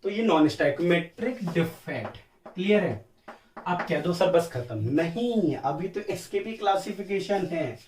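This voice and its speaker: A man's voice: sits high, animated, unhurried, darkish tone, distant mic, slight background noise. A man teaching chemistry in a lecture, asking questions and answering them himself as if he were the students, repeating key terms back and forth. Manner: calls listeners beta and sir. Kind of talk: classroom lecture. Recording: echoey room, voice from off-mic.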